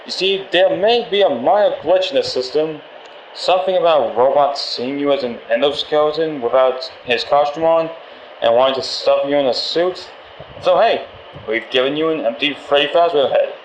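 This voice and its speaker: In this game voice acting, a fairly high-pitched man speaking at a moderate pace records a rambling phone message as a night-guard trainer, playing a friendly but nervous pizzeria worker. His tone is breezy and reassuring, yet hesitant and awkwardly upbeat. It sounds like a telephone voicemail, muffled and roomy with faint background noise.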